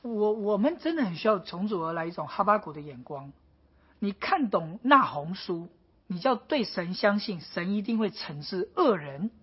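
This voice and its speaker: A woman's voice: mid-range voice, sing-song, normal speed, breathy edge. A woman preaching a sermon, acting out pleading prayers with dramatic intensity. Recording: dull lo-fi recording.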